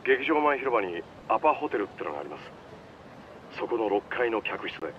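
With a fairly low pitch, big swings in intonation, and a moderate pace, a man voices a shrewd, polite, easygoing underworld informant in a video game cutscene. He explains things casually over the phone, in a relaxed mood tinged with warning. The clip has a dull phone-call quality and street noise.

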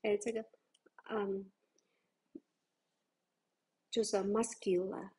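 A woman's voice: medium pitch, little pitch movement, extremely slow, warm tone, slight background noise. A woman teaching English vocabulary, explaining words and spelling them out letter by letter. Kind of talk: vocabulary lesson.

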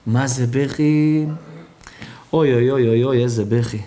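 Dramatic male rabbi storyteller. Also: dark tone. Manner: dramatic storyteller, sudden pitch leaps. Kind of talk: Torah lesson sermon.

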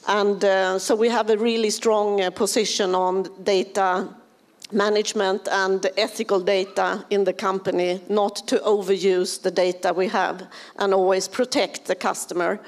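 Measured woman speaking on a panel. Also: medium pitch, darkish tone. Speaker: panelist, company CEO. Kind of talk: panel discussion. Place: conference stage in a large hall. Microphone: handheld microphone.

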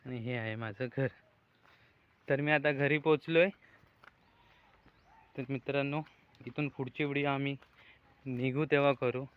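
A man's voice: mid-range voice, fairly even intonation, unhurried, pauses often, clear, resonant tone, lo-fi sound. A man, narrating a casual travel vlog recorded outdoors on a phone camera. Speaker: vlogger. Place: outdoors in a village.

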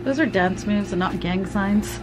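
A woman's voice: medium pitch, measured pace. A middle-aged mother chatting casually off camera, giving curt, bossy instructions. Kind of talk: casual chat. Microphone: off-camera, away from the mic. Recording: distant camera audio under loud music.

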